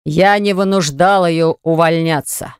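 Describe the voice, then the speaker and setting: A callous, defensive boss, as a reader puts him on, drawing out his excuses slowly and indignantly. The voice is clean and smooth, with no room echo at all. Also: a little high, fairly even intonation, clean studio sound, close to an everyday voice. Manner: slow, indignant, self-justifying.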